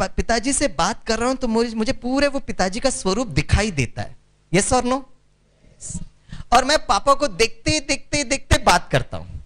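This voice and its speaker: A man from Kerala, giving a spiritual lecture to an audience, mixing Hindi with English and calling for responses. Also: high-pitched. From Kerala, India. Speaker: meditation speaker.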